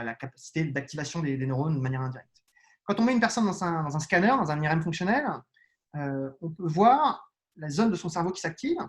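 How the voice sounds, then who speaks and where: A man with children answering interview questions on neuroscience, explaining patiently with frequent restarts and hesitations. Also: a little high. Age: adult with children. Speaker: neuroscience guest.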